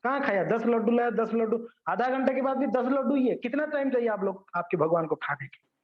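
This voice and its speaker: A man's voice: extremely high pitch, expressive, brisk, pitched above the performer's own voice. A man doing a scornful skeptical foreigner. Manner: mocking, accusing. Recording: dull, roomy sound.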